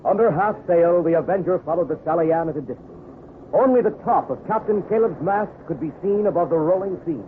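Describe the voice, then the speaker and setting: A high-pitched, natural-sounding male voice moves briskly through a dramatic sea adventure, told in ornate, vintage radio-drama fashion. Suspense runs high, and the audio has the thin, crackly noise of an old radio broadcast.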